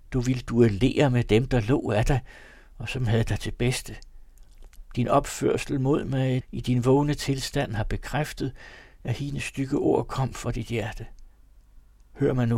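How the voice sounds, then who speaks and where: A man's voice: mid-range voice, darkish tone, no room sound, studio quality, natural voice. A man voicing a grieving young foreign wife who pleads tearfully with her husband in a read-aloud novel.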